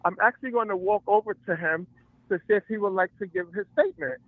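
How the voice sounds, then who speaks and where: A man with a high voice calls in from the street on a phone set to speakerphone. His update is halting and full of fillers, and the line sounds thin and tinny with no room echo. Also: sing-song, gravelly. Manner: hesitant, filler-heavy reporting. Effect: heard over a phone on speakerphone. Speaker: field producer. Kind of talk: live on-the-scene phone report.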